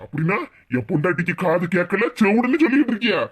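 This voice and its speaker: A woman's voice: medium pitch, expressive, quick pace, background noise, close to an everyday voice. A woman voicing a stern, protective older brother in a cartoon who scolds in a Tirunelveli Tamil accent. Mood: angry.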